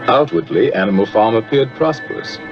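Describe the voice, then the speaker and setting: A man acting as the grave storybook narrator of a 1950s animated fable, measured and formal. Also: lowish voice, close to an everyday voice. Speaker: film narrator. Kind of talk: 1950s scripted film narration. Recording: dull old film soundtrack with music.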